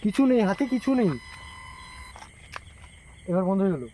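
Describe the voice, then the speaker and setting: A man talking excitedly to friends and viewers in a night exploration vlog, often repeating phrases. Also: sits high, normal speed. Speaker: ghost hunting vlogger. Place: outdoors at night in a rural wooded area. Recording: outdoor night recording with faint noise. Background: crickets and insects.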